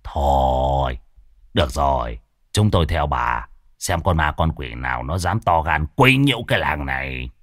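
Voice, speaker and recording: A man voicing a tipsy old ghost-hunting master who grumbles in a low, mumbling way. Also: expressive, moderate pace, fairly bright tone, no room sound, studio quality. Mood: gruff tipsy.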